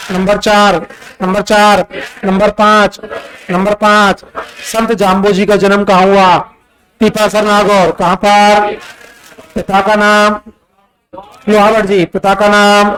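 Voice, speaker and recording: A male teacher, quizzing a classroom in a rapid-fire exam-prep lecture and scolding students as he goes. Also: high-pitched, a bit bright, clean tone, low-quality recording.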